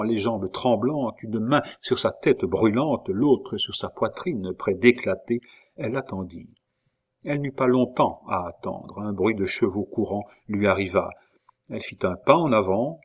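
A man reading a novel aloud as an audiobook narrator, with measured, dramatic delivery. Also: fairly low pitch, husky. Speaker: audiobook reader. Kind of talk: scripted narration.

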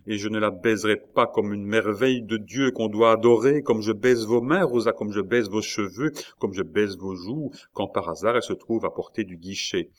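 Man reading young male prisoner, fervent, eager, exclamatory, low voice, audiobook character. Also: normal speed, hardly any pauses, close to an everyday voice.

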